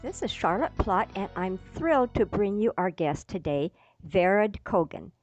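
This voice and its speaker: A woman's voice: medium pitch, expressive, unhurried, a little mellow, faint music behind. A woman hosting a podcast, introducing her guest with upbeat enthusiasm. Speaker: podcast host. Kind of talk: interview hosting. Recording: dry, dull lo-fi sound.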